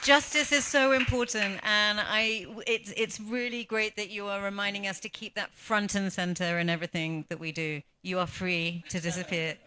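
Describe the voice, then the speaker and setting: A woman's voice: medium pitch, fairly even intonation, normal speed, few pauses, pushed and bright, a little hiss or hum. A woman moderating a panel in an informal, unscripted and encouraging way.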